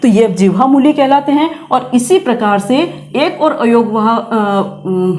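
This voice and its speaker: Middle-aged female teacher, fairly high voice, patient and repetitive classroom explaining. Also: animated, unhurried, darkish tone. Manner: patient, repeats and demonstrates sounds aloud. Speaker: Sanskrit grammar teacher. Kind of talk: classroom lesson, explaining pronunciation.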